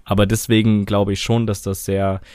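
A man co-hosting a podcast in casual chat, talking emphatically and quick to disagree. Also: on the low side, flat delivery, a little mellow, clear, resonant tone, no room sound, clean studio sound. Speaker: podcast co-host.

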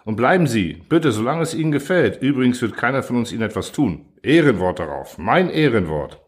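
A man's voice: mid-range voice, sing-song, fairly quick, natural voice. A man voicing a male lion in a storybook tale, speaking with exaggerated, ingratiating politeness. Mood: unctuous. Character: male lion, suavely courteous and overpolite.

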